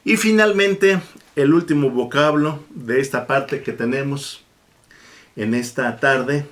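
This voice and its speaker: A man's voice: medium pitch, fairly bright tone. A man teaching a Bible Hebrew class, patiently repeating each word and stopping to bless God between points. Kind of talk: slow, patient classroom lesson.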